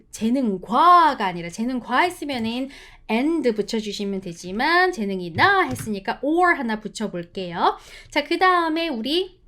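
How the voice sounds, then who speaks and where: A woman teaching an English writing lesson for exam prep, explaining step by step and checking in often with her students. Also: fairly high pitch. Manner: lively, explains step by step with frequent check-in questions; slows down to spell out English phrases.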